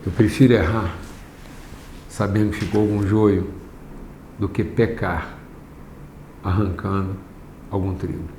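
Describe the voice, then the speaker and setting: A man preaching a sermon as a class lesson, slow and emphatic, rising to raised lines and dropping to hushed ones. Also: sits low, fairly even intonation. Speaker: pastor teaching a class. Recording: echoey room, faint background noise.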